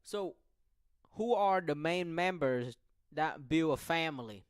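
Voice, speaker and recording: Slow-explaining man, a bit high, dry sound. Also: expressive, smooth, no echo. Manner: slow, repetitive, checks in with "right?". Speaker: talk show host. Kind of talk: solo explanatory talk.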